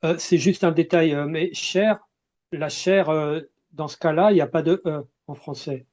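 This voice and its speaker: A man's voice: a little high, steady tone, moderate pace, a little mellow, lo-fi sound. A man student speaking up in an online class, hesitant and polite.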